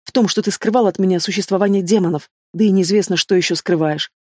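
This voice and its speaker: A hot-tempered teenage werewolf girl, as an audiobook reader puts her on, defiant and sulky. She hurls accusations and sharp sarcasm at her father in a storybook reading. The sound is dry and close. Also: mid-range voice, fast, dry recording, close to an everyday voice. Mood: resentful.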